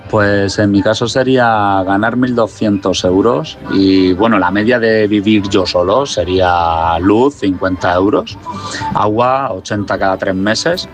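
A man's voice: fairly low pitch, measured pace, faint music behind. A man, calling in and methodically listing his monthly expenses. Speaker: radio caller.

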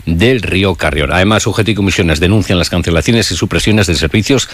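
A man hosting a morning radio show, reading local news briskly and chatting with a co-host. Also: sits low, no echo.

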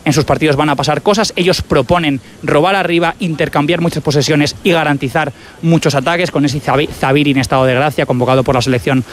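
A man's voice: on the high side, fairly even intonation, fast. A man with a Spain accent giving articulate, wordy football analysis on sports radio.

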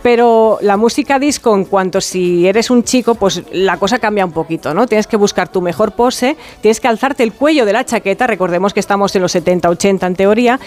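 Over background disco music, a woman from Spain speaks with her Spanish accent in a jokey, conversational music commentary that has a theatrical, radio-segment feel. Her medium-pitched, slightly mellow voice is fairly quick, with hardly any pauses.

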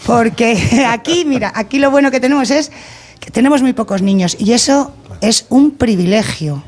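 Lady teacher, warm and emphatic about her tiny school. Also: fairly high pitch, moderate pace. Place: small rural school.

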